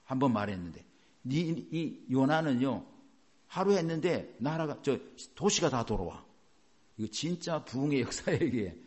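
A man preaching a sermon in an animated way, asking rhetorical questions and chuckling as he goes. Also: medium pitch, normal speed. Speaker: pastor.

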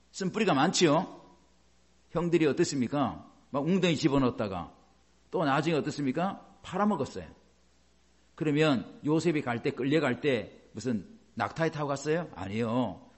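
A middle-aged man preaching a sermon as a pastor, animated, with many rhetorical questions. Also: mid-range voice, slightly rough.

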